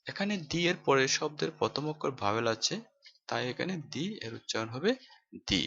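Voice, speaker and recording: A man teaching English pronunciation, explaining each rule slowly, repeating phrases and asking rhetorical questions. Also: medium pitch, animated, gravelly, bright, forceful tone. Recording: dull lo-fi home recording.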